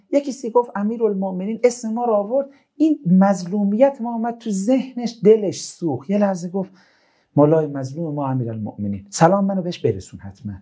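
A man delivers a relaxed religious talk, telling stories and tossing joking asides to the people around him. His pitch swings widely as he speaks. His tone is soft and mellow. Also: slightly rough. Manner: chatty, joking asides to listeners. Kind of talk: informal religious talk with storytelling.

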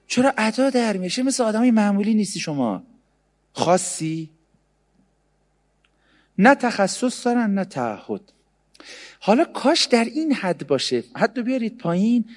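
A man giving a humorous sermon, sarcastic, swinging between loud and hushed delivery. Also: fairly high pitch, in a large hall. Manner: sarcastic, mimics others in mocking voices. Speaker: religious speaker.

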